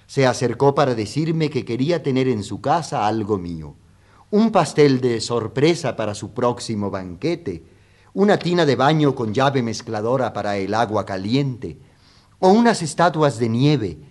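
A man reading a literary short story aloud in a measured, dramatic way. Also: medium pitch, a little mellow.

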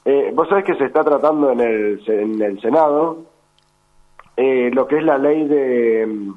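A man with an Argentine accent speaks on a tinny phone line to a radio show. His voice is hoarse and sepulchral from a virus, at a middling pitch. He comments in a halting, deliberate way. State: sick with a virus. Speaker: political commentator calling in. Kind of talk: live phone interview commentary.

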